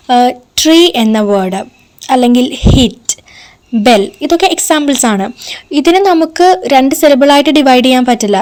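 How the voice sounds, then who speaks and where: A woman's voice: sits high, a little mellow. Woman explaining phonetics step by step. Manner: explains step by step, mixing in English terms, syllables spelled out slowly. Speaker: teacher. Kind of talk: recorded phonetics lecture.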